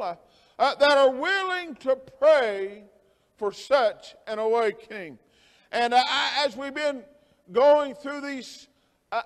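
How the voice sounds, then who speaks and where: A man preaching a sermon as pastor, slow and halting with many fillers and repetitions, rising to emphatic near-shouting. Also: very high voice, big-room sound. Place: church sanctuary.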